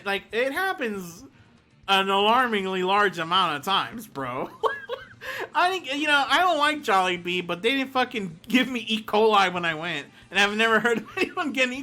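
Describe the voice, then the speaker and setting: A young adult streamer chatting casually, laughing often and swearing freely while telling animated stories. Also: mid-range voice. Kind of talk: casual chat on a live stream.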